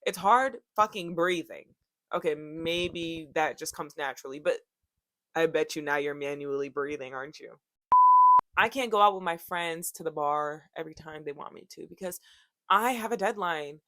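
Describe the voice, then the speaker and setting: A woman's voice: low voice, normal speed, fairly bright tone, no room sound. Woman in her 20s vlogging, goes off topic a lot, jokes and swears, dry room. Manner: rambling and joking, swears freely. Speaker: YouTuber. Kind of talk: casual chat to camera.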